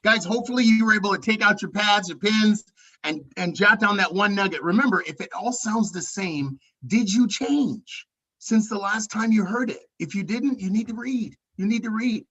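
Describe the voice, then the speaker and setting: A man hosting a group sales training call, energetic as he hypes up the team and introduces each trainer. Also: high voice, moderate pace, slightly rough, lo-fi sound.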